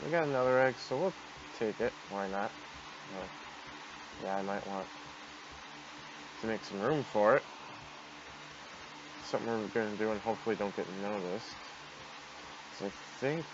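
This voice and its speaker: A man giving casual commentary as he hosts a gameplay video. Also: on the low side. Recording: dull noisy home microphone.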